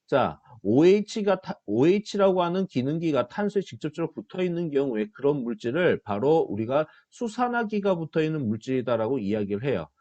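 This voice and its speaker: A man's voice: on the high side, very animated, brisk, hardly any pauses, mellow, no room sound, dull audio. A middle-aged man, a university biology professor, giving a recorded online lecture, asking his students questions and answering them himself, with self-deprecating asides.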